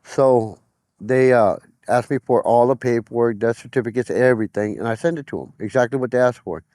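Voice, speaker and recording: A man's voice: medium pitch, brisk, warm tone, no room sound, studio quality. A middle-aged man giving personal testimony in an interview, plain-spoken, often retelling conversations as quoted dialogue.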